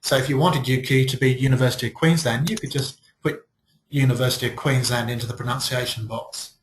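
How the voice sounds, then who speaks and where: A man presenting a software training workshop, explaining in a relaxed, conversational way. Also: mid-range voice, fast talker, a little hiss or hum. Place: training room.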